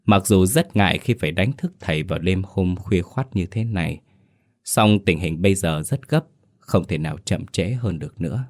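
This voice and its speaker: A man narrating a ghost story audiobook in a steady, dramatic storytelling voice. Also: low-pitched, normal speed.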